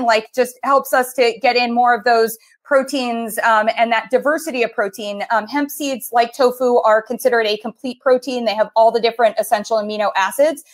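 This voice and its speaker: Woman dietitian, slightly high voice, casual rambling chat over a video call. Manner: chatty, many fillers and restarts. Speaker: dietitian co-host. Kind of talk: casual cooking demo chat.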